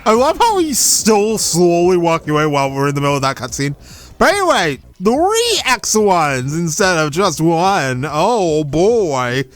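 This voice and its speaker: A man's voice: fairly high pitch, sing-song, a little slow. A young man casually commenting on a game he is playing, chatty and giving strategy tips. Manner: chatty, gives strategy tips, self-correcting. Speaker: let's play host.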